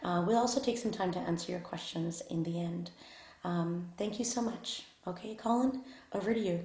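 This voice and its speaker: A woman's voice: on the low side, normal speed, a little mellow, echoey room. A woman hosting a webinar, introducing the speaker in a polite, formal way with frequent fillers. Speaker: webinar host.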